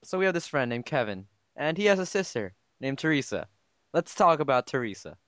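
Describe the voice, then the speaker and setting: A man's voice: medium pitch, very animated, brisk, a bit bright, no room sound. Dry, unimpressed young man hosting. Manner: dry, unimpressed, steers the talk. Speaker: podcast host. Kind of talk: casual chat.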